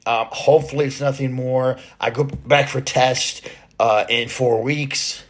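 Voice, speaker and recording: A man's voice: mid-range voice, fairly even intonation. Breathless man rambling to followers. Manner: halting, rambling, many fillers and restarts. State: out of breath, recovering from illness. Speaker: fitness content creator. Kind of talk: casual vlog update to followers.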